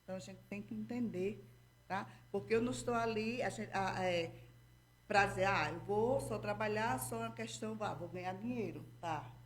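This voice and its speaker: A woman with a mid-range voice speaks Brazilian Portuguese at a normal pace. She's a guest therapist in an explanatory interview, teaching patiently and didactically and checking in with her listener often through frequent "tá?" and "entendeu?".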